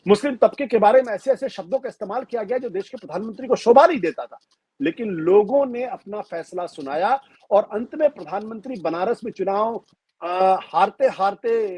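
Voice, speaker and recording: A man speaking as a political commentator in an interview, measured and emphatic, with frequent fillers and restarts. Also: high voice, a little mellow, slightly rough, no room sound.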